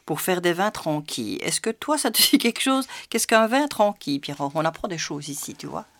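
A woman's voice: fairly low pitch, big pitch swings, moderate pace, fairly bright tone, no echo. A woman radio host chatting casually and reading out a wine feature, laughing at herself as she stumbles over foreign wine terms.

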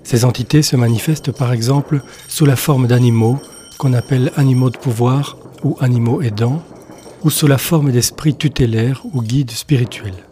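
A man giving calm, scripted documentary narration in an explanatory tone. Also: medium pitch, normal speed, a little hiss or hum. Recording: over clear music.

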